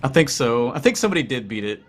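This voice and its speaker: A man co-commentating a live match in a lively, easily amused way. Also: mid-range voice, quick pace, a crowd in the background.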